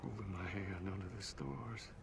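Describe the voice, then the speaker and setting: Young country guy, low voice, stubborn and lovestruck, emphatic emotional confession, film drama, noisy ambience. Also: normal speed, gravelly. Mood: impassioned confession. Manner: emotional, insistent confession, repeating himself emphatically.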